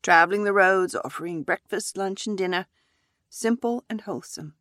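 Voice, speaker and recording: A woman narrating a first-person story in a measured, reflective way. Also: mid-range voice, a bit bright, no echo, clean studio sound.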